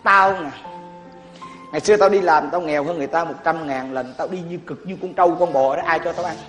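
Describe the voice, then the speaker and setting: A man hosting a livestream comedy skit, scolding his friends in a loud, animated way and repeating himself often. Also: a little high, brisk, reverberant, big-room sound, soft background music. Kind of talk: improvised comic skit.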